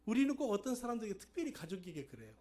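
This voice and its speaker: Middle-aged pastor guy, pretty high voice, preaching like he's just chatting and asking the church questions. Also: sing-song, rapid-fire, dark tone. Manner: conversational storytelling, rhetorical questions to the congregation. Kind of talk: sermon.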